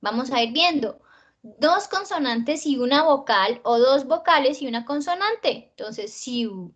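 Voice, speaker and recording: Woman, Colombian accent, fairly high voice, spelling teacher, checks in often, stretches stressed words. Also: animated, a little slow, muffled recording. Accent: Colombian Spanish. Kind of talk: online spelling lesson.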